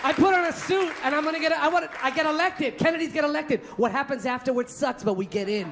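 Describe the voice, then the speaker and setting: On a comedy club stage, a Colombian man performs stand-up, loud and exuberant as he works the crowd. His voice is very high and fast, with background noise present.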